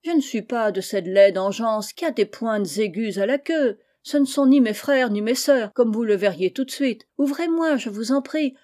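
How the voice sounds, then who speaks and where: A woman's voice: on the high side, expressive, moderate pace, hardly any pauses, warm tone, lightly acted. A woman reading an audiobook voices a tiny winged fairy spirit with a sweet, coaxing manner.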